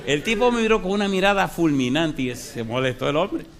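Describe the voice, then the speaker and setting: A middle-aged man preaches a sermon, telling stories with acted-out dialogue and pressing the congregation with questions. His voice sits somewhat high for a man and moves a lot. A faint hum of noise sits under the recording. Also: sing-song, fairly quick, fairly bright tone, a faint crowd. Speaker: pastor.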